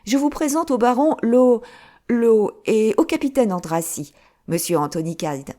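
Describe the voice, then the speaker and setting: A woman's voice: a little high, animated, unhurried, mellow, pitched above the performer's own voice. A woman reading an audiobook, voicing a gloomy, fussy elderly English lord who stumbles over names. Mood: flustered.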